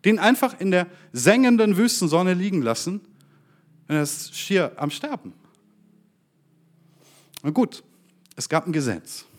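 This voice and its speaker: An animated preacher speaks to his congregation, asking rhetorical questions. He reads the scripture passage in a slower, lower voice.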